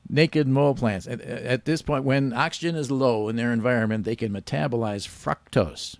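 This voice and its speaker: A man's voice: medium pitch, normal speed, creaky, no echo. A man hosting a radio quiz show, teasing the caller with dry wisecracks. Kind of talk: joking quiz banter.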